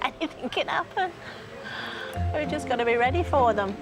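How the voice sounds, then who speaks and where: Woman chatting over loud music. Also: high-pitched, expressive, normal speed, distant mic, poor audio. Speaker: emergency call centre worker. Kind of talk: casual documentary interview.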